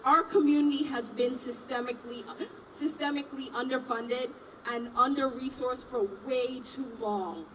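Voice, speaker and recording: A woman's voice: high-pitched, steady tone, moderate pace. A woman from Trinidad and Tobago, a resident physician and union officer, giving a rousing rally speech and chanting slogans. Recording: distant mic, loud crowd and street noise.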